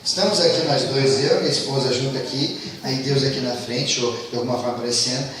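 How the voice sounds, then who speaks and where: A man's voice: mid-range voice, fast talker, crowd noise. A man with a Brazilian accent, a pastor giving a casual, joking Bible talk at a camp and acting out the scenes in little voices. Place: talk at a camp retreat venue. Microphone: phone camera from a distance. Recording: very echoey phone recording from far off.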